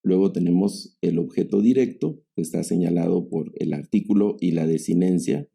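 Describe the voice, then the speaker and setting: Male teacher, very dark and husky tone, patient lecturing manner. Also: deep voice, normal speed. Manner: patient, explanatory, addresses students. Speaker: Greek teacher. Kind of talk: online class lecture.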